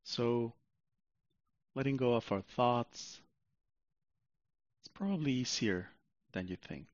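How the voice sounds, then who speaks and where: A man narrating a guided sleep meditation like a sleep story, soothing and unhurried, with long pauses, on a muffled recording. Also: medium pitch, lively intonation, dry recording.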